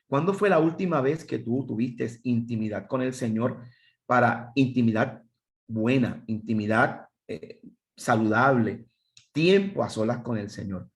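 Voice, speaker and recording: Speaking at a measured pace with lively intonation, a Puerto Rican man leads a pastors' seminar. His mid-range voice carries a Puerto Rican Spanish accent as he emphatically lists points and questions his listeners.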